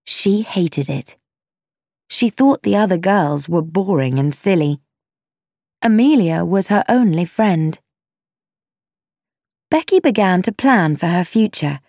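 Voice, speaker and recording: Woman, audiobook narration, slow, lively intonation, clear delivery. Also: on the low side, no echo, studio quality. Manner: slow, clear, expressive storytelling. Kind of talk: scripted narration of a simplified classic novel.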